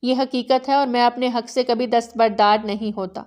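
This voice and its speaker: A woman voicing a stern, proud young male chieftain, speaking in a calm, measured, possessive way in a storybook reading. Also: on the high side, close to an everyday voice. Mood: cold.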